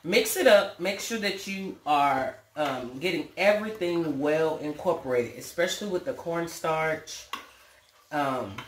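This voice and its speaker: A folksy, playful middle-aged American woman hosts a casual cooking demo at home, her low voice moving at a measured pace. The setting is an indoor home kitchen, captured in a roomy, noticeably noisy home recording that has clicks.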